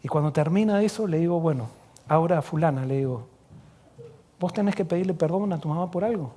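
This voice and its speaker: A middle-aged man with a Rioplatense Spanish accent, a pastor telling a story in a sermon in an earnest way, often dropping to soft, hushed tones. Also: fairly high pitch, a little fast.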